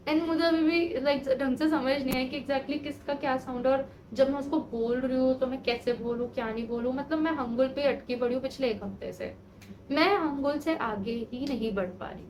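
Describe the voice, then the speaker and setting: A woman's voice: high voice, a little mellow, slight background noise, poor audio. A woman in her twenties chatting casually for a vlog, self-mocking and exasperated as she talks through her struggles. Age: 20s. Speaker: vlogger, language learner. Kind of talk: casual talking-head vlog.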